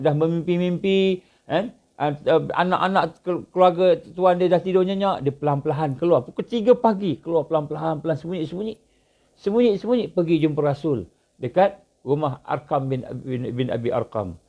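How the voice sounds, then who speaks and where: A man preaching in a Malaysian Malay accent, his voice sitting a bit high for a man. He works the room with rhetorical questions and sudden leaps in pitch and loudness. The recording is dull and lo-fi. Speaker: Islamic preacher. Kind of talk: religious lecture.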